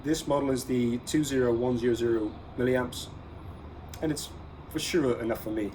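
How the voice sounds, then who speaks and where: A man at medium pitch and moderate pace, with a darkish tone, presents products on his casual everyday-carry gear vlog. He instructs and advises viewers, putting stress on key words, while ambient noise is clearly heard in the background.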